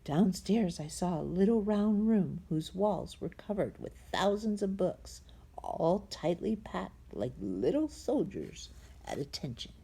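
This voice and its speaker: In an unhurried, fairly low voice with big swings in pitch, a woman narrates a children's story dramatically. Her husky breathiness falls into hushed tones as the suspense builds.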